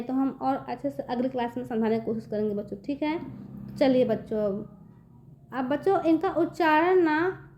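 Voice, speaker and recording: High-voiced patient woman teacher. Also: a little mellow. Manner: patient, repeats checks for understanding. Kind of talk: children's online Hindi lesson.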